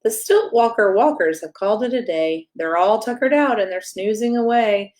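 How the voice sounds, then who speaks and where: A woman pastor, her voice medium-pitched and darkish, reads a rhyming picture book to children for bedtime at a moderate pace. She is expressive and playful throughout, directly asking her young audience questions.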